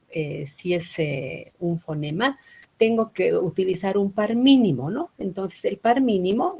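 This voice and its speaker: A woman's voice: mid-range voice, gravelly, darkish tone, breathy edge, poor audio. A woman teaching a phonology class, explaining patiently with many "¿no?" tags and fillers. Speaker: linguistics teacher. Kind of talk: online phonology lecture.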